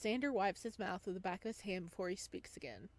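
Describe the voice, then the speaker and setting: A woman streams a visual novel, reading its text aloud and commenting as she plays in a giggly, playful way. Her mid-range voice has lively intonation and a quick pace.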